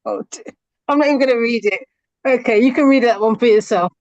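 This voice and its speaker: A woman's voice: on the high side, a little fast, a little mellow, no echo, muffled recording. A woman with a London accent hosting a casual show, reading out viewer questions with giggles and rambling restarts. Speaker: host.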